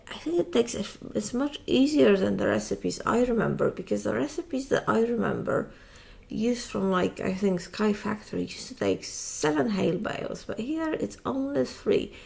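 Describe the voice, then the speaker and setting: A woman with a heavily creaky, gravelly voice, chatting her way through a building game at a middling pitch. She sounds tired and talks in a rambling, self-mocking way, full of fillers. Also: animated, normal speed, darkish tone. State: tired, yawning. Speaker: Minecraft modpack let's-player. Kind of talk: casual gameplay commentary.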